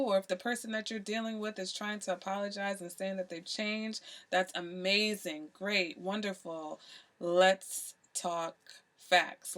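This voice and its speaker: A woman's voice: medium pitch, fairly bright tone. Woman, tarot reader, direct-to-camera, emphatic and earnest, lots of "you know" and "okay?", middle-range voice. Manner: earnest, emphatic advice with frequent "okay?" check-ins; repeats phrases for emphasis, many "you know" fillers.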